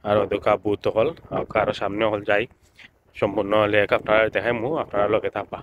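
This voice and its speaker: A man with a Sylheti accent talks casually in a slightly low voice while filming outdoors by a lake, repeating himself and filling pauses. There is a faint hum of open air behind him. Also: little pitch movement, narrow, tinny audio. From Sylhet, Bangladesh. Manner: chatty, repetitive, with many filler sounds. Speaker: vlogger. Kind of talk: casual vlog narration.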